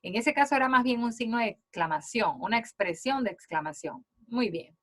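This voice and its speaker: A middle-aged woman teaching a grammar lesson to children. She talks patiently, keeps checking in with "¿verdad?" and "muy bien", and slows down to stress key words. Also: fairly high pitch, expressive, fairly bright tone.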